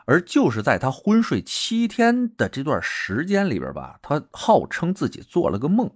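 A man's voice: on the high side, wildly swooping pitch, normal speed, breathy edge. A man hosting a casual, joking history podcast, telling the story with lots of filler particles.

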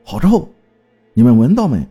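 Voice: medium pitch, big pitch swings, normal speed, warm tone, breathy edge, soft background music. A man voicing a frightened young teammate who whimpers and pleads in a scared horror story. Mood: scared, pleading.

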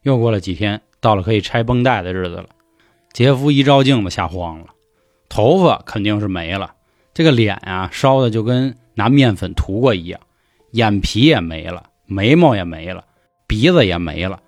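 A man's voice: fairly low pitch, animated, moderate pace, dry recording, studio quality. A man with a Beijing Mandarin accent telling an urban legend in a chatty, colloquial podcast style. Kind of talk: podcast storytelling.

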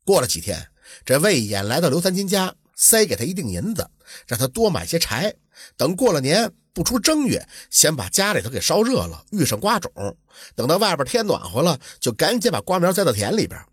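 A man narrating an old folk tale in a lively, colloquial storytelling manner. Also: fairly high pitch, brisk, slightly rough, no room sound, studio quality.

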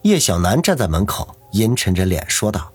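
A man narrating an audiobook novel in a steady storytelling manner. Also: fairly low pitch, moderate pace, breathy edge, dry recording, faint music behind. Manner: steady storytelling, doing every character.

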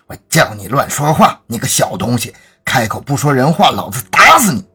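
A man voicing an angry village father who scolds his young son in a gruff way. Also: mid-range voice, wildly swooping pitch, brisk, fairly bright tone, soft background music, voice pushed down, full character voice.

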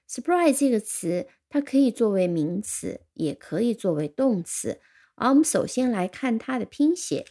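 A woman teaching an English vocabulary lesson, explaining patiently and spelling words out slowly. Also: on the high side, sing-song, warm tone.

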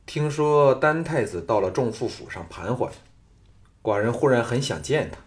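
A male audiobook narrator voicing a young king who speaks calmly but with a mocking, commanding edge. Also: medium pitch, normal speed, natural voice. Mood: cool. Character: young male king, cool and sharp-tongued. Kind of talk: audiobook character reading.

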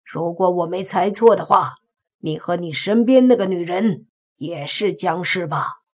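This is a self-righteous old Taoist priest, voiced by a woman in a storybook reading. He scolds loudly in lofty, archaic phrases, and his voice is husky and a little breathy. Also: fairly low pitch, measured pace. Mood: sneering.

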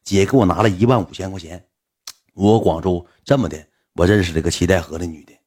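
A man's voice: low-pitched, quick pace, darkish tone, slightly rough. A man with a Northeastern Chinese accent, telling a comic story to his livestream audience in a chatty, conversational way.

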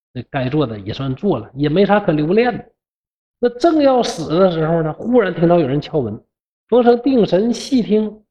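A storyteller with a Northeastern Mandarin accent telling a classical ghost tale in a colloquial, humorous, expressive way. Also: medium pitch. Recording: dull lo-fi recording.

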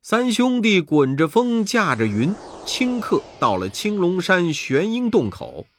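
A man narrating a children's story in an expressive, dramatic storytelling manner. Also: sits high, a little slow, slight background noise.

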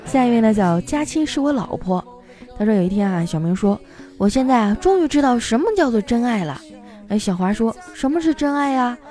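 A woman's voice: on the high side, animated, fairly quick, warm tone, faint music behind. A woman host reading listener jokes in a comic style, slipping into character voices for the quotes.

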